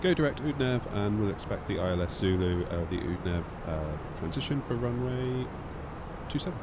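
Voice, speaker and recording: A man's voice: expressive, moderate pace. A man live streaming a flight simulator, mixing casual chat with pilot radio calls. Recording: rumbling aircraft noise.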